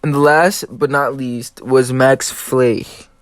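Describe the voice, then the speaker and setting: A man's voice: medium pitch, fairly even intonation, takes it slowly, clean tone, no echo. A young man co-presenting a student podcast, going through prepared notes in a matter-of-fact, list-like way.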